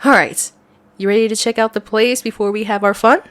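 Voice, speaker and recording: For an ASMR roleplay, a young woman plays an excitable best friend with a secret crush, speaking in a chatty, expressive way. Her medium-pitched voice is fairly quick and close to her everyday one, and she sounds excited and playful.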